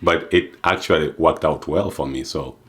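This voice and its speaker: A young adult man from Uganda giving a reflective personal testimony, unhurried, with frequent fillers and restarts. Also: rumbling low. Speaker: adoptee sharing experience.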